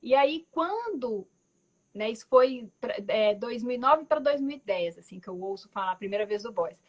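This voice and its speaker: The recording is muffled, and the woman's voice is on the high side, expressive and moderately paced. In her forties and from Belo Horizonte, Brazil, she speaks Minas Gerais Portuguese as a guest artist on a video call, telling her story reflectively with frequent tag words and restarts.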